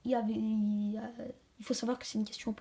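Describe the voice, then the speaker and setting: Hesitant woman teaching grammar, high voice. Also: little pitch movement, warm tone. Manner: hesitant, many fillers and restarts; slows down to stress example sentences. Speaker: channel host teaching a French grammar lesson. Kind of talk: unscripted home-made lesson. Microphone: camera she handles herself.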